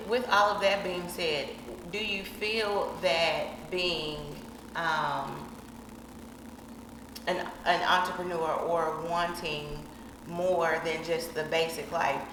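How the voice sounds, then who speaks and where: Casual podcast host, a woman with a lowish voice, in a very echoey room with faint hiss. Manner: encouraging, asks questions with frequent affirmations. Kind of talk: casual interview.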